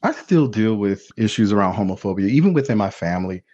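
A man shares personal stories in a relaxed conversation, his husky voice swinging up and down as he acts out the people in them. The sound is dull and slightly lo-fi. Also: lowish voice, fast. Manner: animated, acts out voices in quotes. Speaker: podcast guest. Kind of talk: candid storytelling in conversation.

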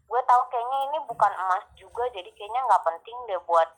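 A woman's voice: a little high, expressive, brisk, rough recording. A young woman casually telling a personal ghost story with many fillers and restarts. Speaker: storyteller guest. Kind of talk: casual chat.

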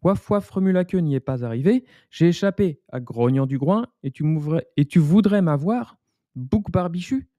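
A man's voice: on the high side, lively intonation, moderate pace, dark tone, no room sound, pitched above the performer's own voice, close to an everyday voice. A man voicing a cheeky, boastful runaway pancake in a bedtime story, in a taunting singsong.

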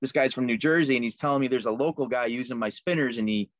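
Speaking fast in a medium-pitched voice, a man from Liverpool, New York, casually describes the fishing lures he makes in an interview. He's easygoing and says um often, filling gaps with fillers. The recording is dry with the highs cut off.

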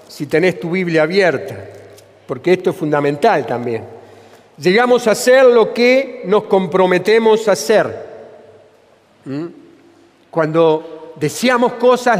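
A man preaching a sermon with a Rioplatense Spanish accent, repeating phrases for emphasis. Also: high-pitched. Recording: long reverb of a church hall.

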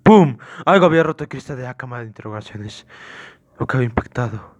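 A man telling his own horror story on his podcast. His narration is measured, with relaxed, halting asides in between. His voice sits at an ordinary pitch in a dry, close recording. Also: no echo, highs cut off.

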